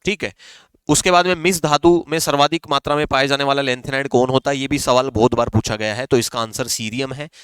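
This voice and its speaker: A man's voice: medium pitch, fairly even intonation, brisk, a bit bright, smooth, no room sound. A male chemistry teacher with a Rajasthani Hindi accent, explaining exam questions step by step and answering his own questions. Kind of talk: exam-prep chemistry lesson.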